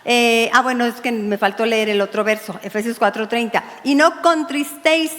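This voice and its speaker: Predicadora mexicana, voz aguda y resonante. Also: female voice, a little high, flat delivery, brisk, fairly bright tone, in a large hall. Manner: chatty and humorous, acts out dialogues, asks "¿verdad?". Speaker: pastor's wife teaching a women's Bible study. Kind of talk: women's Bible study sermon. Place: church hall.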